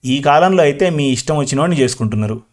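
A man doing a slow, rambling old grandmother. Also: on the high side, expressive, darkish tone, close to an everyday voice. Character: chatty old village grandmother, talkative and proud. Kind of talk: storybook reading.

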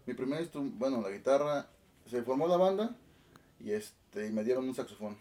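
A man in his twenties from Oaxaca with a Mexican Spanish accent, chatting relaxed and laughing in an interview about his music. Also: mid-range voice, normal speed, recorded from a distance. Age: 20s. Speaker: guest musician, band director. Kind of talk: casual interview chat.

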